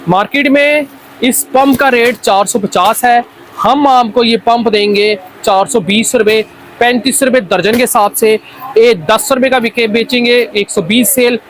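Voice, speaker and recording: A man with a Pakistani accent making an unscripted hard-sell pitch as a wholesale seller, insistently repeating his lines. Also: steady tone, unhurried, fairly bright tone, slight background noise, rough recording. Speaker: wholesale toy seller presenting stock.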